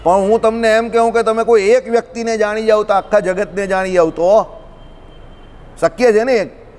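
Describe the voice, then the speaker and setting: A high-pitched man teaches scripture to a gathering, speaking. He talks to his listeners directly and lively. His voice rings with the long reverb of a hall. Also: moderate pace. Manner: lively, addresses listeners directly, mixes in English. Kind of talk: discourse on scripture with examples.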